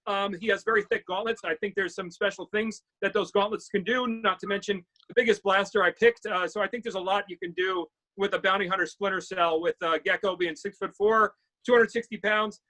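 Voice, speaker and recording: A man's voice: high-pitched, fairly even intonation, brisk, pushed and bright, rough recording. A man, an actor being interviewed, speaking in an eager, upbeat way in casual chat.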